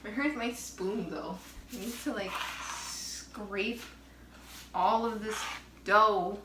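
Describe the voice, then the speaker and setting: Speaking extremely slowly in a steady, mid-range voice, this vlogger bakes in her home kitchen amid reverberation and background noise. She's out of breath, exasperated, and self-mocking, with an occasional curse as she chats.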